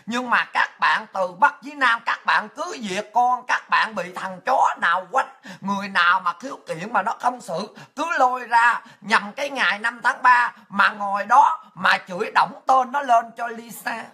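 A woman's voice: on the high side, measured pace, bright, forceful tone, husky. A woman with a Southern Vietnamese accent giving an angry, profane political rant. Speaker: political commentator.

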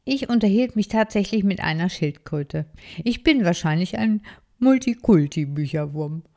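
A woman reading a children's story aloud in a gentle, expressive storytelling manner. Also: medium pitch, moderate pace. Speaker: story reader.

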